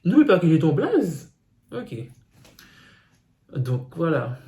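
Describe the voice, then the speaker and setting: Slow, teasing man in a roomy echo. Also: fairly high pitch, big pitch swings, mellow. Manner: slow, teasing asides between reading. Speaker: YouTuber reacting to viewer secrets. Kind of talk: reading aloud and reacting. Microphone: phone.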